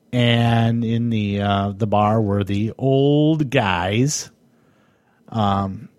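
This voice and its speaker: A middle-pitched man in his forties from the United States hosts a solo podcast. He talks in a slow, reflective way and often stops to search for the right words. The sound is dry and close, with no room around it. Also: no room sound. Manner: thoughtful, halting, with pauses to find words. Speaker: podcast host.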